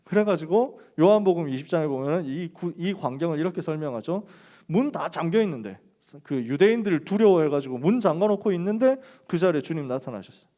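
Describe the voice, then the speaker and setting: A man pastor preaching a casual youth sermon, telling the story in an animated way and acting out the quotes. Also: a little high, fast talker.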